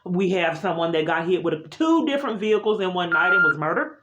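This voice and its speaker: Swinging widely in pitch, a fast, fairly low female voice rattles through an unscripted vlog of personal grievances, insistent and aggrieved. The reverberant audio is muffled and thick with noise and clicks.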